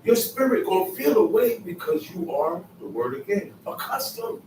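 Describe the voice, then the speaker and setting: A man's voice: high voice, big pitch swings, normal speed, darkish tone, a little hiss or hum. A man giving a Sabbath scripture lesson, emphatic and repetitive, in casual street phrasing. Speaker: Bible teacher. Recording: echoey room, mic far off, faint ambience.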